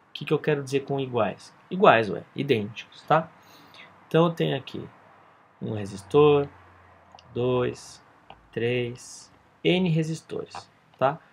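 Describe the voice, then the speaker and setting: Man, gravelly, husky, physics lesson, step-by-step explaining. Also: medium pitch. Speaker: physics teacher.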